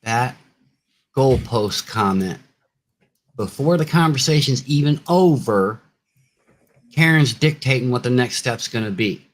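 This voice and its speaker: A man's voice: medium pitch, expressive, a little slow, long pauses. Male panel host, mid-range voice, swears freely, joking and blunt. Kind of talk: live panel chat.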